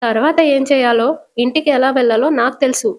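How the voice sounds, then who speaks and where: A woman's voice: high voice, fairly quick, lightly acted. A woman doing a furious cheated young woman. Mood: angry. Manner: shouting, threatening.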